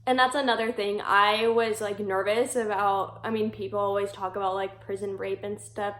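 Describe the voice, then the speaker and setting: A woman in her twenties chatting casually to camera in a vlog, filling her talk with "like" and quick laughs. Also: mid-range voice, flat delivery, fairly bright tone, roomy sound. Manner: chatty, peppered with "like", frequent laughs. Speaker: vlogger. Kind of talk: casual talking-head vlog.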